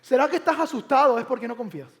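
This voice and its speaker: Male pastor, high voice, animated sermon delivery, emphatic rhetorical questions. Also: racing.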